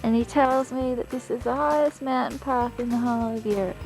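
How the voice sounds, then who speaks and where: A woman's voice: fairly high pitch, steady tone, brisk, faint music behind, poor audio. Wry woman on old VHS tape. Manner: wry and chatty, gently mocking. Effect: old VHS camcorder tape audio. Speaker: traveller narrating a road trip. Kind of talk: casual home-video narration. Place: in a van on mountain roads. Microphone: camcorder mic.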